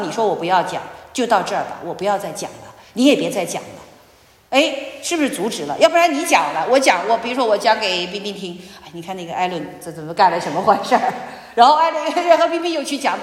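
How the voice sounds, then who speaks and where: A woman giving a personal testimony in church, telling her story with animated storytelling and acted-out dialogue. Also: on the high side, fast talker. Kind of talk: sermon testimony. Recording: echoey hall.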